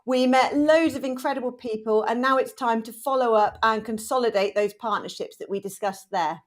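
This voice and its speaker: A woman co-hosting a podcast interview, opening in a measured, scripted way. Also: fairly high pitch. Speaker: co-host.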